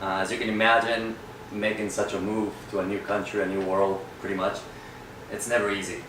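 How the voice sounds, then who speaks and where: This young real estate agent from Peru, a guest in a casual interview, recounts his story in an earnest, reflective manner. He speaks a little fast in a lowish, level voice, captured from a distance in a noisy, echoey room.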